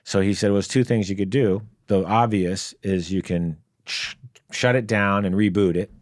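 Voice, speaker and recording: A man's voice: fairly low pitch, fairly even intonation, normal speed, no echo, studio quality. A man, a guest comedian, telling rambling anecdotes in casual podcast chat, with many fillers and laughs. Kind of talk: casual storytelling. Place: podcast studio.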